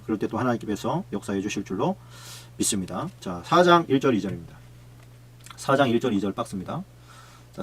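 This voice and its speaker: Husky man preaching conversationally. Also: medium pitch, darkish tone. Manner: conversational preaching with frequent rhetorical questions and acted-out quotes. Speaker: pastor. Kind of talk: sermon.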